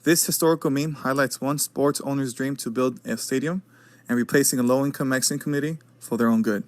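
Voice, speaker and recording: A man's voice: mid-range voice, fairly even intonation, fast, no echo. A young man reading a prepared class presentation plainly, with small restarts. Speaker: student presenter.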